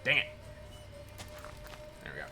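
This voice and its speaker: Building in a game on his live stream, a man chats casually in an unhurried way, reading chat and answering viewer questions as they come in. He thanks followers in a relaxed ramble over faint game soundtrack music.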